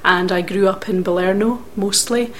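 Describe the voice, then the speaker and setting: A middle-aged Scottish woman from Scotland, recalling her life story in an interview with measured, thoughtful pauses. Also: medium pitch, steady tone, a little hiss or hum. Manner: measured, thoughtful recollection with occasional hesitations.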